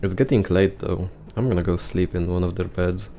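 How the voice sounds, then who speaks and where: A young man giving casual gameplay commentary, thinking out loud in a rambling way and filling his talk with "like". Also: low voice, a little fast, a little hiss or hum. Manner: heavy use of "like" fillers.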